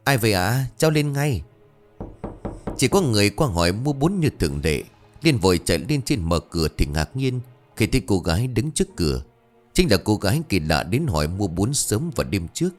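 A man's voice: fairly low pitch, very animated, a little fast, soft background music. A man narrating a ghost story in a dramatic, suspenseful way.

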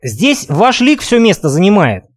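A man's voice: high-pitched, wildly swooping pitch, unhurried, heavily acted. Sulky impatient young man, as a male reader puts him on. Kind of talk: audiobook character reading.

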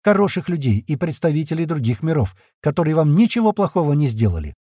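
A man's voice: a little high, big pitch swings, fast talker, dark tone, slightly rough, no room sound, clean studio sound, pitched above the performer's own voice. A man reading the part of a bitter soldier who hurls accusations and sarcasm. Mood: accusing.

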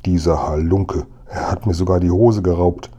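A man's voice: low voice, fairly even intonation, normal speed, warm tone, breathy edge. A man voicing a grumpy village police sergeant who grumbles and growls in indignation. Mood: grumbling.

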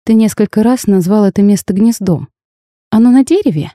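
A woman reading the lines of a bold, sharp-tongued young half-fairy bride in a storybook tale, lively and teasing in tone. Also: medium pitch, fairly quick, no room sound, clean studio sound, voice pushed up, natural voice. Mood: spirited.

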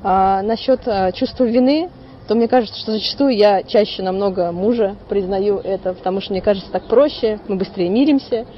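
A woman in her twenties calmly answering a street interviewer. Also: mid-range voice, brisk, muffled recording, a little hiss or hum. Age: 20s. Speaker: passer-by interviewee.

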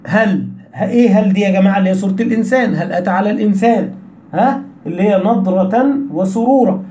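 A man with an Egyptian Arabic accent and a high, mellow voice talks fast as he teaches the rules of Quran recitation. In this explanatory lesson, recorded in an echoey room with slight background noise, he poses questions to listeners and answers them himself.

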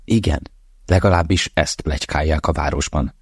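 A worried older mother pressing her son for attention over the phone, as a deep-voiced man puts her on. Her questions come insistent and fretful, in a dry, close audiobook recording. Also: slightly rough, dry recording. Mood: anxious. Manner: anxious, insistent.

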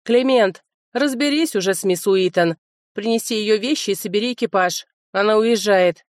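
A woman reading a hot-tempered, domineering male dragon lord who growls out loud commands. The storybook voice is dry and close. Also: mid-range voice, moderate pace, no echo, natural voice. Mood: commanding.

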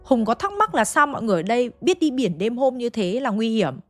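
A woman's voice: fairly high pitch, fairly quick. Woman telling a ghost story. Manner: lively, shifting pace and loudness for suspense. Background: faint background music.

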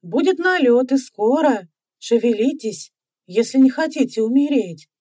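A woman's voice: high voice, animated, a little slow, warm tone, slightly rough, no echo, studio quality, pitched above the performer's own voice, heavily acted. A woman voicing a stern young female dragon who gives curt commands. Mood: commanding.

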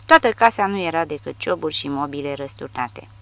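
A woman reading an audiobook with lively storytelling. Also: deep voice, vocal fry, no echo. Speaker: audiobook narrator. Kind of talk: audiobook narration.

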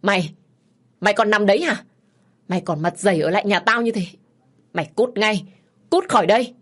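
A woman voicing a cruel older mother-in-law who shouts and scolds her daughter-in-law in a story. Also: medium pitch, fairly quick, natural voice. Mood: furious.

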